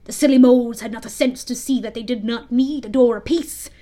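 A woman voicing a vain, brooding, menacing pirate captain from a storybook, with dark, theatrical, emphatic delivery. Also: on the high side, steady tone, fairly quick, natural voice. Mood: scheming.

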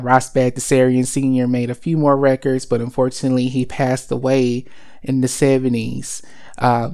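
A man's voice: medium pitch, a little mellow, clean tone. A man hosting a casual segment, talking in a rambling way with lots of fillers and self-corrections. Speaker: host of a cereal and cartoon segment.

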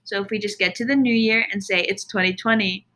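A woman's voice: medium pitch, fairly even intonation, brisk, pushed and bright. A woman of about twenty co-hosting a radio show, playful and joking in casual chat.

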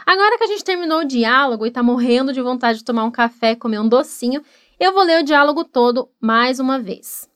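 A woman with a Brazilian Portuguese accent teaching an English lesson, encouraging and slowing down for model repetitions. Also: high voice, animated, fairly bright tone, smooth, no echo, clean studio sound.

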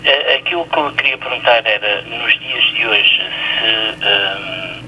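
Low-voiced Portuguese man calling in, noisy line. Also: unhurried, bright, forceful tone. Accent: European Portuguese. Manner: polite, hesitant, roundabout. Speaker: listener calling in. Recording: noisy phone call to radio.

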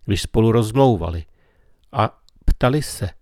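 A man gives a slow, meditative spiritual talk as a preacher. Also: on the low side, expressive, darkish tone, no room sound, studio quality.

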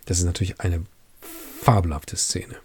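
A man's voice: deep voice, steady tone, normal speed, breathy edge. Enthusiastic male literature lecturer. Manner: enthusiastic, conversational asides. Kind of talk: reading aloud with commentary.

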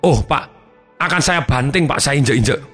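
An eager male client quitting smoking talks earnestly and respectfully , as a man puts him on. He keeps deferring to his therapist. His voice sits at a middling pitch. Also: lively intonation, normal speed, pushed and bright, husky, faint music behind. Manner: earnest, keeps adding "Pak".

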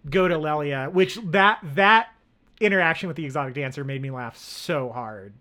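A man's voice: on the high side, normal speed, pushed and bright. A man co-hosting a film podcast, talking casually with lots of fillers and restarts. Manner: rambling, many fillers and restarts. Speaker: podcast co-host.

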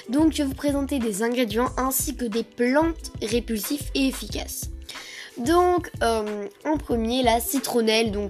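A young woman hosting a casual gardening podcast, talking with many fillers and restarts. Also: on the high side. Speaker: podcast host.

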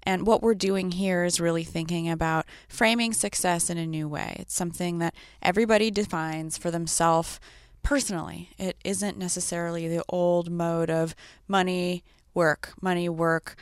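Podcast host woman, low and dry. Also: smooth, no room sound. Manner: reflective, then brisk scripted sign-off. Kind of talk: podcast interview and outro.

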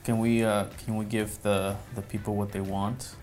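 A man's voice: on the low side, little pitch movement, normal speed, darkish tone, soft background music. A man hosting a podcast, friendly and joking, with lots of short affirming replies. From Mexico. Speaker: podcast host. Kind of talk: casual podcast chat.

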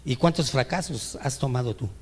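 A man's voice: mid-range voice, normal speed. A male pastor preaching a sermon, firing rhetorical questions at the congregation and acting out whiny complaints to God. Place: church. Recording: reverberant church hall.

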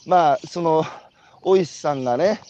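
A man's voice: on the high side, unhurried, lo-fi sound. A man from Iwate with a Tohoku accent, hosting a walking interview and telling stories with rhetorical questions. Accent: Tohoku Japanese. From Iwate, Japan. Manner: animated, storytelling with rhetorical questions. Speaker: host. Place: outdoors, walking.

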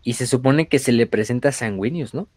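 A man with a Mexican accent casually retelling a story, slangy and animated, with many fillers. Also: medium pitch, brisk, no room sound. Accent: Mexican Spanish. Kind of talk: casual chat retelling lore.

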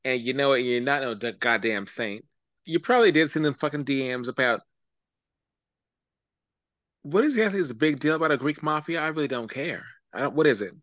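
A man co-hosting a podcast, recapping reality TV in casual gossip chat, loud, profane and joking. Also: medium pitch, lively intonation, a little fast, no echo. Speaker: podcast co-host.

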